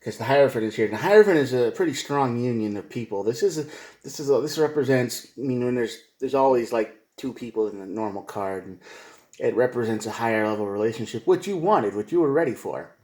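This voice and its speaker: A man at an ordinary middle pitch gives a casual tarot reading. He rambles, repeats himself and tosses in slangy asides. His voice echoes around a bare, reflective room. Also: a little fast, darkish tone. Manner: rambling, repetitive, slangy, says "man" and "bro". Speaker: tarot reader.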